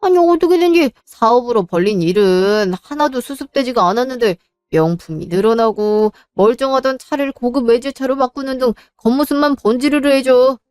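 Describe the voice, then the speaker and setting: A woman's voice: fairly high pitch, darkish tone, smooth, dry recording, studio quality, lightly acted. A woman voicing an exasperated married man who argues back at his mother and brother in a narrated drama. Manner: exasperated, argumentative. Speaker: husband character.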